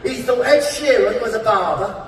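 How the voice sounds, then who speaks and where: A man playing a camp, shrill pantomime dame, a gossipy housekeeper delivering an exclaiming comic monologue. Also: moderate pace, background noise. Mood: gushing, gossipy. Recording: echoey hall, distant mic, music.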